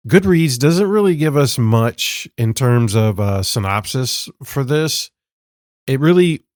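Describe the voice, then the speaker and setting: A man hosting a book podcast in a casual, sarcastic monologue, sounding rough from being sick. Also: medium pitch, darkish tone, no echo, clean studio sound. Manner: sarcastic, self-deprecating, conversational. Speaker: podcast host.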